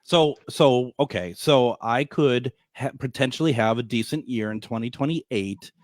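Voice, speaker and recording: A man's voice: medium pitch, measured pace, no echo. Man in his fifties hosting radio, rambling and jokey, dry close sound. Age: 50s. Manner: rambling, many restarts, jokey. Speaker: radio show host. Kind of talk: casual interview chat.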